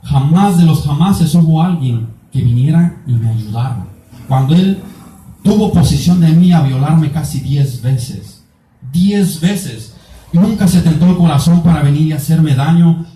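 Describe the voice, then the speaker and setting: Male evangelist, higher voice with a dark, mellow tone, earnest testimony, recorded echoey from a distance. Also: measured pace. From Mexico. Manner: earnest, emotional storytelling with repetition. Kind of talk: personal testimony sermon. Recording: echoey room, voice from far off.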